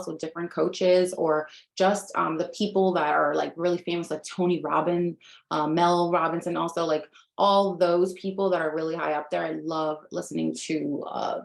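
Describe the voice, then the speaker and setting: Speaking straight to her viewers, this U.S.-based life coach in her thirties leads an earnest, chatty online workshop; Spanish is her native language. She has a gravelly voice on the low side, heard in a reverberant space.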